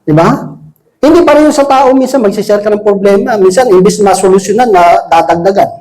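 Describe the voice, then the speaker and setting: A man preaching a casual sermon to a congregation, joking and often checking in with quick rhetorical questions. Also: high-pitched, darkish tone, low-quality recording. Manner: jokey, asks the congregation frequent rhetorical questions. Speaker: lay preacher. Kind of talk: conversational sermon. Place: church service with a congregation.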